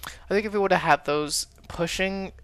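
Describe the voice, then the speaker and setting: Excitable male esports caster, smooth voice. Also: sits high, normal speed, no room sound. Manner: excitable, shouts during fights. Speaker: game commentator. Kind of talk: esports casting.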